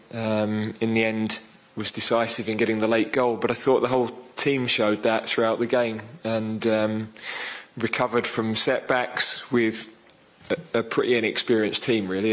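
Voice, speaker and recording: A football manager in his fifties fields questions at a post-match press conference, speaking into a desk microphone. His voice sits on the low side, and he talks in a measured, thoughtful way, full of fillers and restarts.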